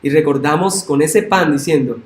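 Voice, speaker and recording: A male pastor preaching a sermon in a church, emphatic and swinging up into loud, high exclamations. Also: normal speed, reverberant. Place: church sanctuary.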